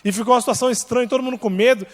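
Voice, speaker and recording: A male Brazilian pastor preaching with a Brazilian accent, telling a story and acting out its dialogue, swinging between hushed and loud. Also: very high-pitched, fairly even intonation, very fast, long reverb tail. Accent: Brazilian Portuguese. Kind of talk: sermon. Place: large church hall.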